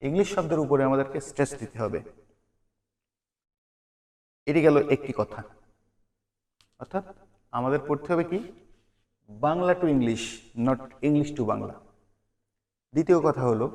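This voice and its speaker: A man's voice: medium pitch, expressive, a little slow, pauses often, darkish tone. A man teaching a vocabulary lesson. He repeats each word and its meaning as a drill, and he asks questions and then answers them. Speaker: English teacher.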